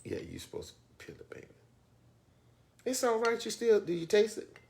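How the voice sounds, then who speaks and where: His voice sits high with huge pitch swings, creaky and a little mellow, at a moderate pace, with a little hiss or hum in the audio. As co-host of a church live stream, he playfully and fondly teases his wife, then shifts into sincere teaching on relationships.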